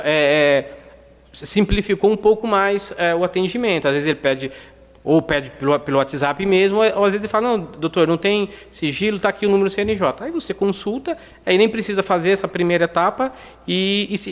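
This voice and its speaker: A man, lecturing on criminal defense work in a casual, chatty way. His voice sits fairly high, and he keeps tagging his sentences with quick asides. The sound rings with long reverb, as if picked up in a large lecture hall. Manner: conversational, many "né?" tags, acts out dialogue. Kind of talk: lecture with anecdotes.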